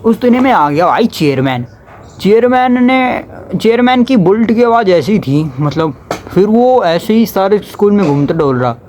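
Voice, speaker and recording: A man's voice: high-pitched, very animated, normal speed, a little mellow, slight background noise. A young man telling a casual storytime about his school days, chatty and slipping into dialect. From Haryana, India. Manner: chatty, slips into dialect when quoting others.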